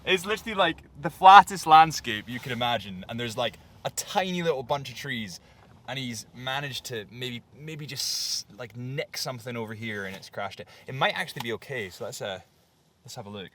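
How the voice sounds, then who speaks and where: A man's voice: medium pitch, animated, normal speed, fairly bright tone. A man hosting a casual travel vlog outdoors in the snow, chatty and enthusiastic, laughing often. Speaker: host. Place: outdoors in snowy, cold landscape.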